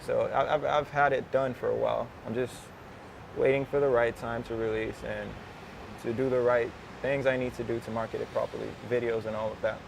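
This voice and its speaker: A man's voice: medium pitch, flat delivery, a little fast, vocal fry, noisy background. A man in his twenties, a rapper, chatting casually and slangily in an interview outdoors, often laughing and drifting off topic. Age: 20s.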